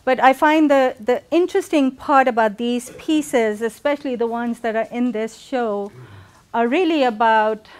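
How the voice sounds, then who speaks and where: A middle-aged Pakistani artist gives a reflective gallery talk with many pauses and fillers, filmed from afar in a large gallery room. Her voice is fairly high and clean-toned.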